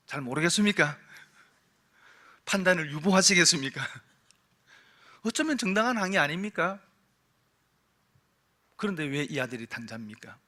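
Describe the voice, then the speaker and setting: In a church sanctuary, a man preaches a Sunday sermon as pastor, posing rhetorical questions to the congregation. He shifts between forceful emphasis and hushed, low passages.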